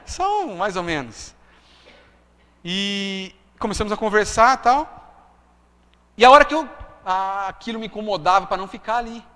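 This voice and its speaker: A man's voice: high-pitched, brisk, sharp tone, smooth, long reverb tail. A man preaching a testimony sermon, chatty and full of tag questions. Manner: conversational, frequent tag questions.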